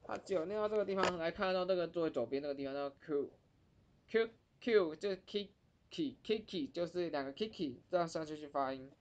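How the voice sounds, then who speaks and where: Woman, language teacher, slow repetitive drilling, muffled lo-fi sound. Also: on the low side, lively intonation, a little mellow. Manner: repeats words slowly, drawing out sounds. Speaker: Japanese teacher. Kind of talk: pronunciation lesson. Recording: dull lo-fi recording.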